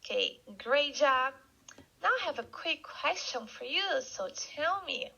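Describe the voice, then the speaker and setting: A woman teaching an English vocabulary lesson, speaking slowly and repeating words for learners to echo. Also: high-pitched, expressive, vocal fry, sharp tone. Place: Canada. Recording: dull lo-fi recording.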